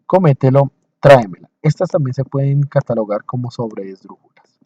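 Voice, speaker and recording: A male teacher talks through a recorded lesson in short phrases, pausing often and repeating himself to drive each point home. His voice sits in an ordinary middle register. The recording sounds dry and slightly dull. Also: mid-range voice, lively intonation, warm tone, breathy edge, dry recording. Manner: explains slowly in short phrases, checks in with listeners. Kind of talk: recorded lecture over slides.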